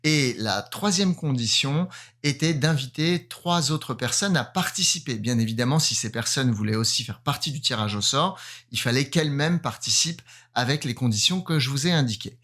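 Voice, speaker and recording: A man from France hosts a casual photography vlog. He talks in a playful, self-mocking way, often hesitating with fillers. His voice sits at a middle pitch for a man. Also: lively intonation, moderate pace, a bit bright. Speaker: photographer running a giveaway.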